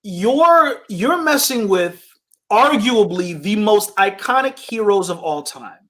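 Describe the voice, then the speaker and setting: Animated high-voiced man ranting. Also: slow pace. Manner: animated, ranting, acts out quoted lines. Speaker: podcast co-host. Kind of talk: casual chat.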